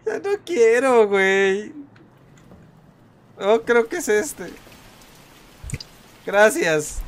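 A young Mexican man streams a horror game in a high voice, speaking extremely slowly. His live commentary is casual and profane: panicky, jokey, swearing offhandedly and frantically repeating phrases, with game noise clearly audible behind him.

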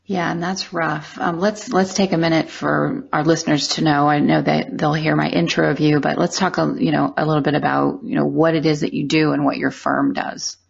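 Low, gravelly woman hosting an interview. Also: level tone, moderate pace, hardly any pauses. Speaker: radio show host, consultant. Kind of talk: conversational interview. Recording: dull, lo-fi audio.

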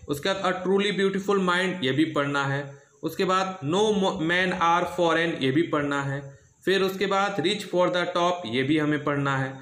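A man leads a syllabus lesson in a slightly high, bright voice. He speaks steadily and repeats himself, checking in with students again and again. The room echoes noticeably. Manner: steady, repetitive teaching with frequent "theek hai" check-ins. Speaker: English teacher.

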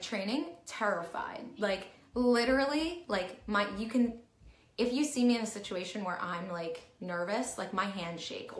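A chatty middle-aged woman vlogs casually to camera, candid and leaning heavily on "like" as a filler, talking to herself on screen. The camera is at close range, and there is a roomy echo. Her mid-range voice has a fairly bright tone.

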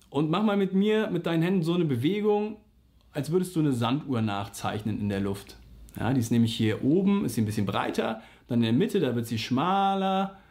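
A man's voice: medium pitch, a little mellow. A man teaching a singing lesson, explaining simply and patiently, and sometimes singing vowel slides to show an exercise. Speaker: vocal coach.

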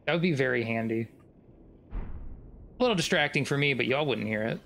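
A man's voice: medium pitch, lively intonation, moderate pace, creaky, fairly bright tone, a little hiss or hum. A man streaming a video game, commenting casually, swearing often and bursting into sudden screams. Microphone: desk microphone.

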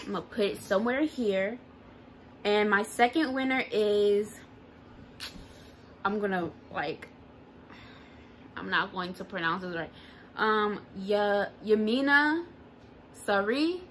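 A woman's voice: medium pitch, a bit bright. A young woman chatting straight into a phone held close, loose, playful and full of slang, in an easy mid-range voice. A faint hum of background noise sits under her. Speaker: vlogger. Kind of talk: casual vlog chat. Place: car, store, then bedroom at home. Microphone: phone camera held close.

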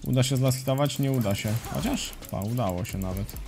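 A man's voice: medium pitch, quick pace. Laid-back male game streamer, chatting. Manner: relaxed, chatty, slangy, greets viewers by name. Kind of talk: casual live commentary while playing and reading chat. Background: faint music and keyboard typing.

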